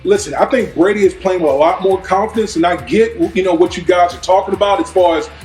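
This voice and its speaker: A man's voice: high-pitched, fast talker, darkish tone. A man giving informal football analysis in a sports debate, repeating himself as he makes his points. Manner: informal, repeats himself, says "listen" and "you know". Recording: roomy echo, music behind.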